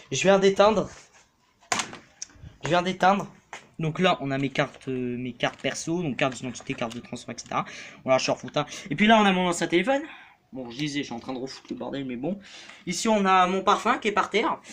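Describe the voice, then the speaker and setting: A young man giving a casual tour of his bedroom, rambling and hesitant with lots of fillers, his voice jumping up then sinking low and quiet. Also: a little hiss or hum. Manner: pitch swings up and drops low and quiet. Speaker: vlogger. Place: bedroom, indoors.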